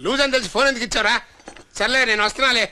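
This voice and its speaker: An actor playing a grumpy uncle who runs a bicycle shop, blunt and scolding on the phone. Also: male voice, very high-pitched, fairly even intonation, racing, sharp tone, a little hiss or hum, full character voice. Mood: grumbling.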